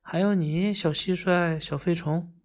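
A storyteller voicing a gentle red paint blob that hushes the night outside, speaking softly and slowly in a bedtime story. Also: medium pitch, fairly even intonation, close to an everyday voice. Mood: soothing. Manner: soft, slow, hushing.

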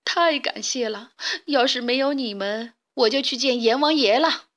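Weasel, just saved, grateful and slow, storybook voiced by a woman. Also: fairly high pitch, fairly bright tone, close to an everyday voice. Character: grateful rescued male weasel.

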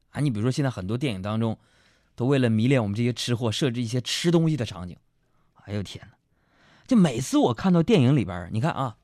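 A man, a radio host telling comic stories in a lively way with asides to his listeners. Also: mid-range voice, no room sound, clean studio sound. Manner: lively storytelling with quick jokes and asides to listeners. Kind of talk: comic monologue.

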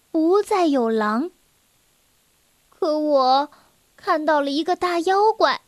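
A woman reading a children's storybook aloud in a slow, clear and expressive way. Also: sits high, no echo.

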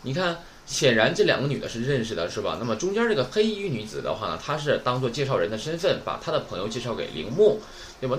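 Northeast chinese guy teaching a class, talks quick and bouncy, always checking "right?". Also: mid-range voice, a bit bright, slight background noise. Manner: chatty, keeps asking "right?". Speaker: Japanese teacher. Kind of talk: online class lecture.

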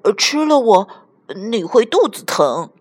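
A nervous little storybook chameleon stammers and stumbles over his words, full of "uh"s, as a woman puts him on. The voice sits high and swings widely. A soft husky grain runs through it. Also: sing-song, measured pace, heavily acted. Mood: flustered. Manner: stammering with many "uh"s.

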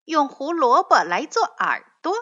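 An excitable little rabbit boy in a storybook tale, put on by a woman, his voice pitched high and bright and swooping all over. He exclaims eagerly, heard through a dull lo-fi recording. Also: measured pace, exaggerated voice. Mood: insistent. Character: excitable young male rabbit.

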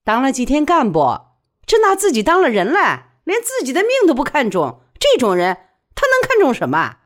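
A woman's voice: sits high, huge pitch swings, moderate pace, voice pushed up. A woman voicing a defiant, newly widowed woman who speaks sharply and bitterly.

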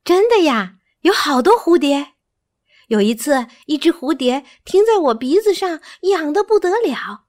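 A woman's voice: high-pitched, big pitch swings, a little slow, darkish tone, voice pushed up. A woman doing an eager, curious little monkey. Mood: delighted. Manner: eager, questioning. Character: curious chatty young monkey, full of questions.

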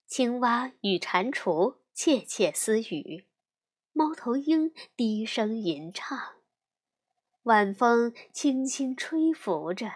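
一位女性用缓慢而富有表现力的语气朗读儿童故事。. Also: female voice, fairly high pitch, breathy edge. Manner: slow, expressive storytelling. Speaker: storyteller. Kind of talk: children's audiobook narration.

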